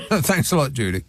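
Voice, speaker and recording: A man's voice: fairly high pitch, slightly rough, dry recording. A man hosting a radio phone-in in a wry, sardonic, mock-authoritative way, bantering comically. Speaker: radio talk show host. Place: radio studio. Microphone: close studio microphone.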